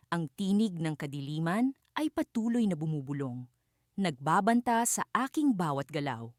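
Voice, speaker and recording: A woman narrating a fantasy storybook in the first person, in an expressive, dramatic way. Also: deep voice, dry recording, clean studio sound.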